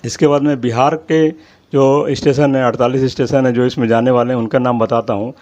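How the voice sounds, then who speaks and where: A man hosting his own channel, reading out a long list of names in a steady rhythm and apologizing now and then for his pronunciation. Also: medium pitch, fairly quick. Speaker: channel host. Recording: slightly dull lo-fi audio.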